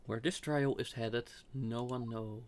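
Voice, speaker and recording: Man reading a game aloud, mid-pitched. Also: steady tone, a little slow, slight background noise. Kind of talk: casual let's play, reading and commenting.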